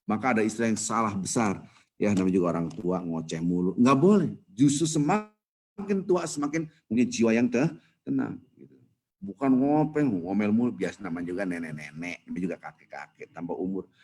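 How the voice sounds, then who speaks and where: A man giving a casual dawn lecture at a mosque, chatty and playful, with sudden loud bursts of emphasis. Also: fairly low pitch, brisk. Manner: lively, conversational, jokes and sudden loud emphasis. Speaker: preacher.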